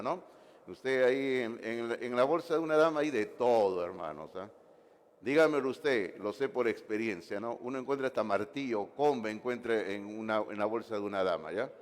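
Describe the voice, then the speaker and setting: A man preaching to his congregation as their pastor, animated and conversational, with jokes and asides between points. His mid-pitched voice rings out in a church sanctuary with a long, echoing reverb. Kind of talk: sermon.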